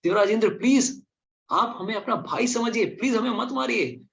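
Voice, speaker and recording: A man's voice: normal speed, gravelly, a bit bright, lo-fi sound. A man voicing a group of small crying children who plead not to be hurt. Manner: high, pleading.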